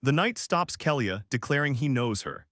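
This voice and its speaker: A man reads a comic recap as scripted narration, his pitch rising and falling in an animated way. The voice is close and dry, with almost no room sound. He voices the quoted lines in the same plain narrating voice. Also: normal speed, dry recording.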